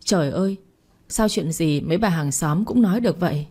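A woman's voice: on the low side, fairly quick, mellow, slightly rough. A woman voicing a cheeky young woman gamer who protests defensively to her mother, in a storybook reading. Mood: protesting.

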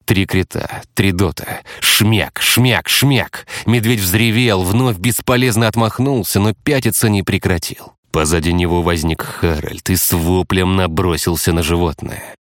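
A man reading an audiobook in a steady, matter-of-fact narration. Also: low-pitched, measured pace, no room sound, studio quality. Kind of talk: scripted narration.

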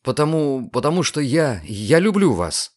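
A man's voice: mid-range voice, sing-song, a little slow. A man reading an audiobook, voicing an ardent young man in love in a near-natural voice. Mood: hesitant. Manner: ardent, hesitant.

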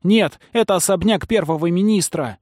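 A man voicing a stubborn young boy who shouts and pleads through tears. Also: high voice, animated, normal speed, no echo, clean studio sound, pitched above the performer's own voice. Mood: tearful shouting.

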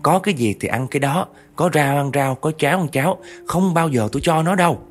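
A man's voice: on the high side, a little fast, pitched above the performer's own voice, natural voice. A man voicing a poor, stubborn old grandmother who firmly refuses. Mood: firm refusal. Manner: firm, insistent refusals.

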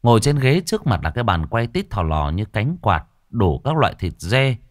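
A man telling a ghost story with dramatic, vivid narration. His voice is low but swings widely in pitch. The recording is dry and close. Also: big pitch swings, normal speed, no room sound.

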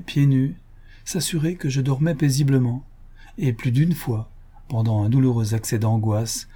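A man narrating a classic novel in the first person with a measured, even reading. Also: medium pitch, husky. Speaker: audiobook narrator.

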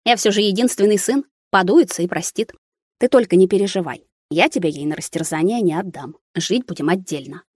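A woman's voice: medium pitch, a little fast, a little mellow, breathy edge, no echo, clean studio sound, natural voice. A woman reading the lines of a young male student, earnest and persuasive. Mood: tender, insistent.

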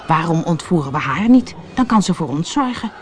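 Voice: medium pitch, sing-song, brisk, close to an everyday voice. Stammering dim pirate bosun, as a reader puts him on. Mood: eager. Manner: hesitant, stammering.

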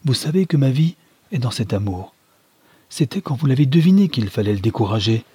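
An impassioned young lover, read by a man pleads with feverish ardor in a dark, husky voice. The audiobook recording is dry, with no room sound. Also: mid-range voice, big pitch swings, brisk, no echo. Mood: wounded. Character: young man desperately in love, pleading and wounded.

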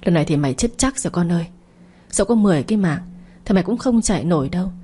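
A woman's voice: lowish voice, animated, very fast, mellow, slight background noise, lightly acted. A woman voicing a scheming young woman who acts meek and polite, in an audio story reading. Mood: gloating. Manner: falsely polite and meek, sly when alone. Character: scheming young woman, sweetly two-faced.

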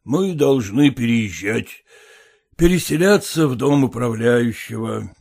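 A man's voice: medium pitch, lively intonation, unhurried, creaky, a little mellow, voice pushed down. A man doing a mournful old nobleman. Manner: mournful, exclaiming. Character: gloomy impoverished nobleman, sighing and sentimental. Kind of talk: audiobook character voice.

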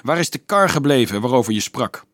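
A man reading an audiobook voices a gruff, suspicious medieval gatekeeper who grumbles warily. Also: mid-range voice, lively intonation, a little fast, fairly bright tone, no room sound, studio quality, lightly acted. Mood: wary. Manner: grumbling, wary.

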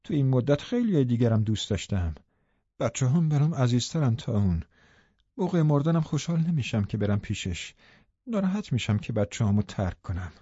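A bitter, pleading dying young woman, as a male narrator puts her on, speaking softly and with reproach. The voice is mellow and hushed. It comes through a dry, slightly muffled audiobook recording. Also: medium pitch, big pitch swings, husky, no echo. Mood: bitter, reproachful.

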